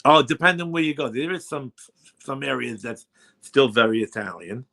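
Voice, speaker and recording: Gravelly, pushed and bright, the mid-range voice of this New York–accented man in his sixties moves at normal speed with lots of expression. Hosting a radio chat show from Brooklyn, he keeps things casual, rambling and full of fillers.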